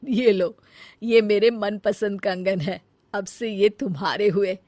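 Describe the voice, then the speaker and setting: A woman's voice: medium pitch, slow, darkish tone, no echo, lightly acted. Woman voicing an effusive middle-aged aunt. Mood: generous. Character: generous, admiring middle-aged visiting aunt. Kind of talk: cartoon moral story acting.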